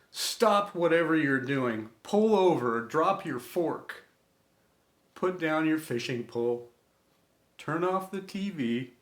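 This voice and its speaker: A middle-aged American man from the United States reads a scripted inspirational tribute, earnest and reverent, with deliberate phrasing and dramatic pauses. His voice is slightly high, and the room sounds echoey.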